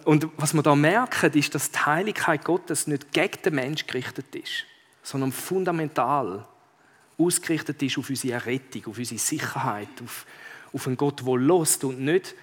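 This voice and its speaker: Preacher in a reverberant hall. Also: male voice, on the high side, a bit bright. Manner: conversational, addresses listeners directly with questions. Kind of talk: sermon with read-aloud story passage.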